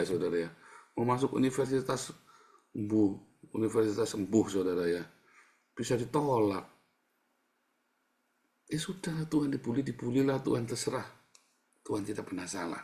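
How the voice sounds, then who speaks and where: Brief: male preacher, gravelly voice, joking sermon delivery, talks straight to the congregation. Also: lowish voice. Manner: lively, joking, mimics crying prayers, repeatedly addresses listeners.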